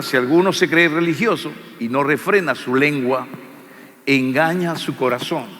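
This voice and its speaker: Emphatic preacher, bright, echoing hall. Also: male voice, a little high. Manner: emphatic, repetitive, addresses listener as friend. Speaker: evangelical preacher teaching a Bible lesson. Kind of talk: preaching Bible lesson.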